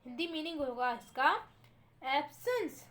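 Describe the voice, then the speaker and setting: Woman, English grammar teacher, very high pitch, unhurried, careful repetition of each word. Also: lively intonation, a bit bright. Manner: slow, careful reading of example sentences with self-corrections; repeats words slowly to drill pronunciation. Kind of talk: Hindi-medium grammar lesson.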